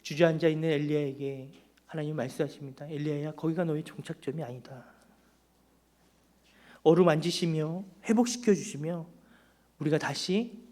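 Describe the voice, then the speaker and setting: A male pastor preaching an impassioned sermon at a Friday prayer meeting in church, often dropping to a hushed, near-whispered delivery. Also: fairly high pitch.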